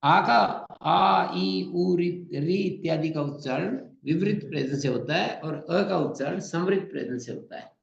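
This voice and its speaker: A man lectures on Sanskrit grammar, unhurried and a little high-pitched, pausing to sound out words as examples. His voice has a gravelly edge. The recording is echoey and dull. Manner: explains slowly, demonstrates pronunciations aloud. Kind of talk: classroom lecture.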